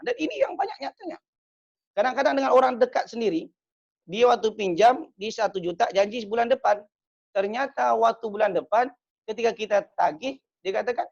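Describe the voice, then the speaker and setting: A man giving a short sermon, animated, often acting out debtors' excuses. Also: fairly high pitch. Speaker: preacher. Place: community gathering in New Zealand. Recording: dull lo-fi sound.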